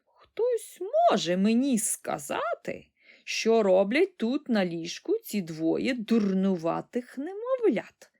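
A woman's voice: a little high, very animated, takes it slowly, vocal fry, pitched above the performer's own voice, heavily acted. Woman doing a grumpy old grandmother. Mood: grumpy scolding. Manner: shouting in wild bursts, then sharp and scolding.

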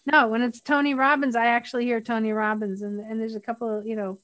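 A woman's voice: fairly high pitch, level tone, fast talker, fairly bright tone, no room sound. A middle-aged woman, a guest on a podcast interview, speaking candidly and laughing often.

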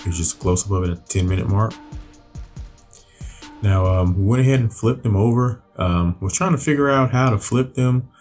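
A man with a very deep, low voice talks through his grilled recipe in an easygoing, rambling way, full of fillers and restarts. Soft background music sits faintly under his voice-over. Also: moderate pace. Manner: relaxed, loose, many fillers and restarts. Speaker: cooking channel host. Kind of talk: casual voice-over narration.

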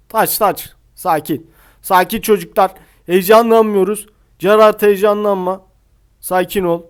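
A young man playing a football scout and commentating his mobile football match live, shouting and half-singing at goals, then dropping to low mutters. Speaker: gaming YouTuber playing a scout role.

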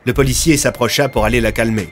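A man reading a dramatic audio story in a steady, expressive voice. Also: medium pitch, fast talker. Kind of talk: scripted dramatic narration. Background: faint music.

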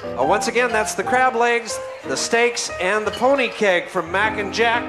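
A middle-aged man auctioneers a live benefit event from the stage of a big banquet hall, calling out repeated bids through a handheld mic and PA system. He has a high voice and takes his time, with music playing under him.

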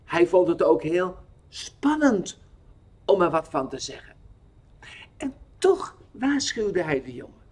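This male storyteller shares Bible tales aimed at kids. His delivery is slow and a bit husky, with lively swings in pitch, and he keeps quizzing his audience in an expressive way.

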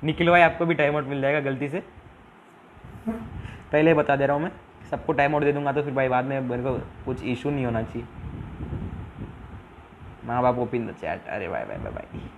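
A man's voice: medium pitch, steady tone, normal speed, long pauses, highs cut off, slight background noise. A young man hosting a casual live game stream, reading viewer comments aloud, mixing English into Hindi and often pleading for subscribers. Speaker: live-stream gaming host.

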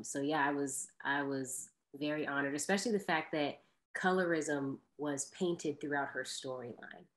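A woman's voice: low-pitched, rough recording. A young woman actor answering interview questions in an earnest, reflective way.

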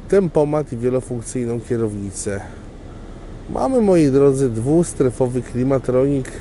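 Guy walking round a car on a windy lot, mellow low-key voice, bit of wind noise on the camera mic. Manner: chatty salesman, upbeat, addresses viewers directly. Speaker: used car dealer presenting a car. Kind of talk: casual walkaround car presentation. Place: outdoor gravel car lot on a windy day.

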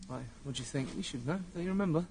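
A man's voice: fairly high pitch, rapid-fire, crowd noise, lightly acted. An actor playing a joking, cocky young British cameraman in a found-footage film, recorded outdoors. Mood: teasing. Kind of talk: naturalistic found-footage horror film dialogue. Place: outdoors in woods at night. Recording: noisy handheld camcorder sound.

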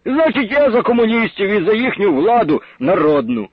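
A man voicing a ragged peasant soldier who speaks calmly and plainly. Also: sits high, moderate pace, no echo, dull audio, pitched above the performer's own voice. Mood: steadfast.

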